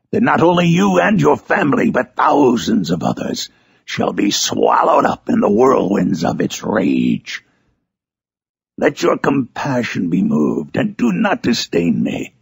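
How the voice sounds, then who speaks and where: Wretched Gothic monster: very husky, heavy gravel, impassioned, vengeful, eloquent pleading. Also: male voice, mid-range voice, no room sound, full character voice. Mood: bitter, menacing, then imploring, accusing. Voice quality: gravelly, raspy. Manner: impassioned, archaic, theatrical pleading. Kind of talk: dramatic reading of a Gothic novel.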